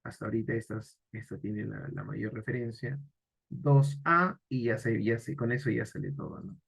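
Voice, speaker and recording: A man's voice: mid-range voice, normal speed, gravelly, a bit bright, breathy edge. A man teaching an exam-prep grammar lesson, asking the viewer questions and then answering them himself.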